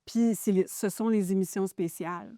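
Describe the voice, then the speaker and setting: A woman speaks in a relaxed interview, thoughtful and eager as she searches for her words. Her voice sits at a middle pitch. The recording is dry and close, with little room sound. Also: moderate pace, no room sound. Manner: reflective and enthusiastic, many hesitations. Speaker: radio journalist and host, interview guest. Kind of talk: casual interview conversation. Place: radio studio.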